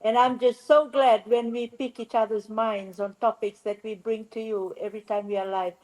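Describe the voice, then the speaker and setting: A woman's voice: a little high, steady tone, normal speed, a little mellow, poor audio. Upbeat older woman from Fiji. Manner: upbeat, enthusiastic. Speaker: team leader. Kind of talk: casual livestream chat.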